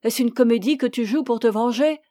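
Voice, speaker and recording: A woman's voice: on the high side, fairly quick, warm tone, no room sound, studio quality, voice pushed up, natural voice. A woman reading an audiobook, voicing a tormented young man who is jealous and accusing. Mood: bitter. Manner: bitter, accusing.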